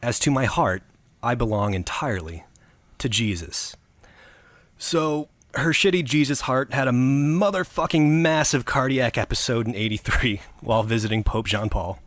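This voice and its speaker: A man's voice: medium pitch, moderate pace, fairly bright tone, no echo. A man hosting a comedy podcast, telling a story in a crude, mock-dramatic way. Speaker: host.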